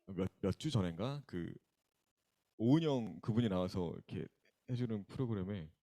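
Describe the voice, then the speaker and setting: Lively young man teasing a youth group. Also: lowish voice, normal speed. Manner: bantering, teasing, calls on listeners by name. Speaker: youth pastor. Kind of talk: casual sermon opening with audience questions. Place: church worship hall.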